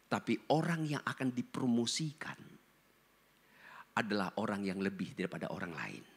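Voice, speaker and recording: A male pastor preaching a sermon and telling stories, swinging between loud emphasis and hushed asides. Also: on the low side, big pitch swings, moderate pace, breathy edge.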